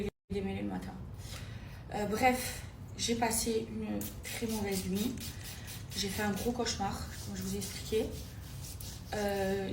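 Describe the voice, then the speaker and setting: A woman's voice: mid-range voice, reverberant, distant mic, noisy background. A young woman, chatting casually to her followers in a home vlog, with lots of fillers. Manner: chatty, addresses viewers as "les filles", many fillers. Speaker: social media personality. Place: at home, indoors.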